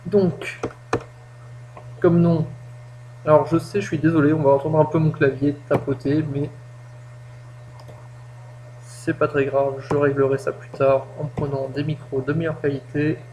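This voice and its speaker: Casting note: man, somewhat high voice, chatty self-mocking game tutorial host, low-quality home mic with faint hum. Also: level tone, a little slow, pauses often, darkish tone. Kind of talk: casual gameplay tutorial.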